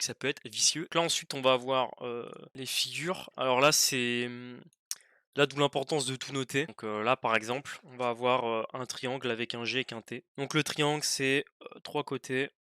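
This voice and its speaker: A man's voice: mid-range voice, sharp tone, clear, resonant tone, dry recording, clean studio sound. A young man tutoring test prep, working through puzzles aloud in a casual, hesitant way with many fillers. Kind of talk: informal worked-example lesson.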